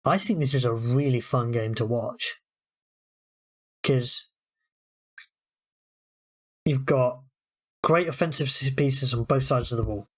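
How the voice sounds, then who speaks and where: A man's voice: medium pitch, slow pace, long pauses. Chatty British man talking football. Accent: British English. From United Kingdom. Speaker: podcast co-host. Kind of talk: casual sports chat.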